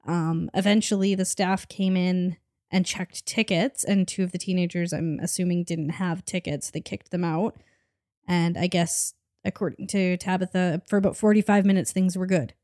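A woman's voice: lowish voice, steady tone, moderate pace, a little mellow, no room sound, clean studio sound. A woman co-hosting a podcast in casual chat who is getting over an illness, telling a story in a matter-of-fact way. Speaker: podcast co-host.

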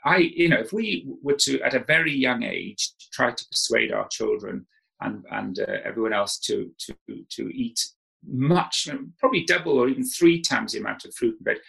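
A man talking as an expert guest in an interview, explaining things informally and often doubling back to restart a thought. His voice is gravelly and creaky, pitched in the middle range. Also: expressive, moderate pace, a bit bright, low-quality recording. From Wales. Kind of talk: conversational interview.

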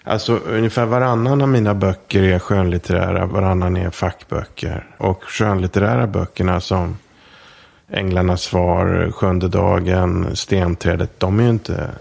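A man, an author, talking in a relaxed interview and telling an anecdote in a reflective way. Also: low voice, creaky. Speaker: author guest. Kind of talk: casual interview talk.

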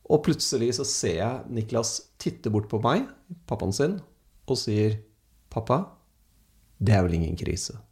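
A man tells casual anecdotes as a speaker, animated and acting out the people he quotes. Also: mid-range voice. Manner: animated storyteller, acts out quoted voices. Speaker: speaker telling stories.

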